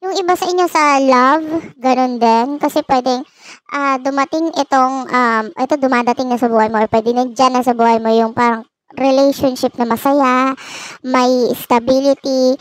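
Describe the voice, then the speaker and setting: Woman tarot host, high-voiced, playful and teasing, close dry recording. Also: steady tone, moderate pace, no room sound. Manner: playful, teasing, laughs often. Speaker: tarot reader and channel host. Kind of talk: casual tarot reading.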